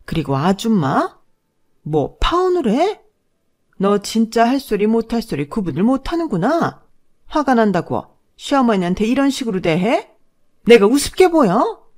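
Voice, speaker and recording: A woman doing a shrill scolding mother-in-law. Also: sing-song, unhurried. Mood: scornful scolding. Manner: scolding, contemptuous, shouting. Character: shrill scheming middle-aged mother-in-law. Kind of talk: storytelling with acted dialogue.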